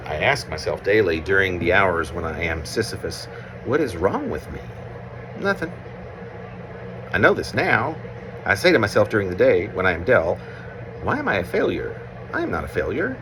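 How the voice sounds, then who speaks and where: A poet with a lowish voice reads aloud an autobiographical poem he wrote, pausing deliberately mid-sentence. The recording is noisy.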